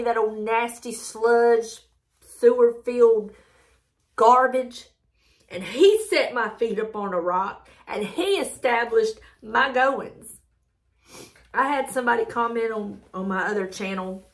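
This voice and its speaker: Slow, reverent woman reading scripture. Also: medium pitch, a bit bright. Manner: slow, reverent reading with fervent outbursts of praise. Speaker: devotional video host. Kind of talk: devotional scripture reading and testimony.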